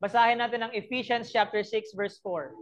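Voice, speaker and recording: A woman's voice: a little high, fairly even intonation, moderate pace, muffled recording, a crowd in the background. A woman with a Filipino accent preaching a sermon, mixing Tagalog and English and asking her listeners rhetorical questions. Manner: switches between Tagalog and English, asks the congregation rhetorical questions; emphatic, acts out short everyday scenes.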